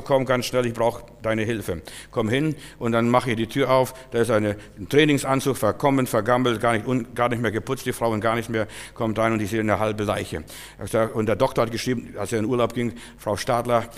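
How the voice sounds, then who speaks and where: A male pastor preaching a sermon, swinging from loud shouted proclamations to quiet storytelling. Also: medium pitch, in a large hall.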